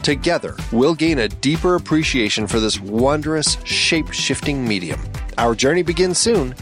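A man's voice: medium pitch, expressive, normal speed, a bit bright. A man with a mid-range voice delivers scripted podcast narration as the host. Faint music plays along with him.

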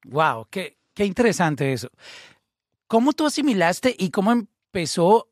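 High-voiced man asking probing questions. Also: big pitch swings, a little slow, no room sound, studio quality. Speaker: podcast host. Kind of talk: casual interview.

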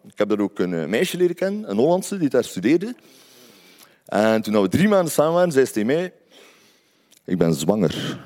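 A man's voice: medium pitch, a little mellow. A man from Ghent with a Flemish accent, telling a personal story in a conversational way with wry asides to his listeners. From Belgium, Ghent.

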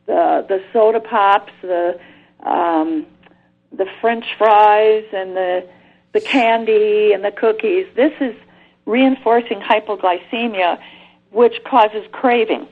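A woman, a guest expert on a radio call-in show, explains treatment over a clipped phone line, pausing often with ums and restarts. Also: mid-range voice.

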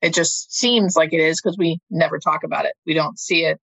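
A woman's voice: deep voice, fairly even intonation, brisk, creaky, a bit bright, no room sound, rough recording. A woman speaking as an interview guest, a hospice nurse talking casually and thinking aloud as she checks for agreement.

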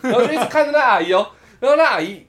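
A young man with a Taiwanese Mandarin accent telling a story in casual chat. He talks in an animated way and swears casually. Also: extremely high pitch, very fast.

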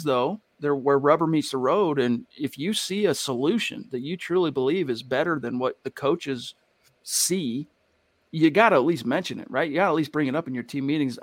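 A man's voice: on the high side, no echo. A man with an American accent hosting a sports show, talking casually and emphatically, often tossing in rhetorical questions. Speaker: sports livestream host. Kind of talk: casual sports talk and commentary.

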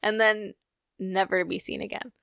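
Gravelly-voiced woman chatting casually. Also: mid-range voice, flat delivery, normal speed, fairly bright tone, no room sound, studio quality. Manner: chatty, rambling with fillers. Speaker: podcast co-host. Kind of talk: casual chat.

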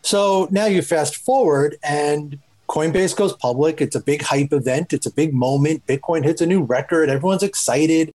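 A man, a journalist, speaking thoughtfully on a panel discussion, often pausing with asides. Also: fairly high pitch, dark tone, rough recording. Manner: reflective, hedging with asides. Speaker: journalist guest.

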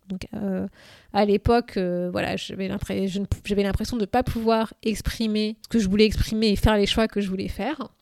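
A woman's voice: medium pitch, darkish tone, dry recording, clean studio sound. A woman hosting a solo podcast, walking the listener step by step through a self-coaching exercise in a methodical way, with fillers along the way. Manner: methodical, addresses listener informally, frequent fillers. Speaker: podcast host.

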